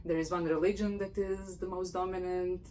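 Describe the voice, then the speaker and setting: A woman hosts the interview in a fairly low voice. She speaks thoughtfully and pauses on fillers, with a faint hiss behind her on the video call. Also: little pitch movement, warm tone, poor audio. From Croatia. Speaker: host, PhD student. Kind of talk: casual interview talk.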